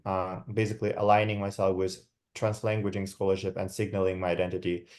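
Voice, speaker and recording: A young man from Kazakhstan gives an academic guest lecture, walking through slides in a reflective way. His voice has a fairly low pitch and a darkish tone. He is measured and uses many fillers, checking in with listeners through frequent tag questions.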